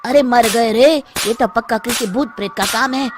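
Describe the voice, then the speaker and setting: A frantic middle-aged village landlord wails in panic, played by a woman. The voice runs high over loud cartoon music. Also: moderate pace, close to an everyday voice. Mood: panicked. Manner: frantic, wailing.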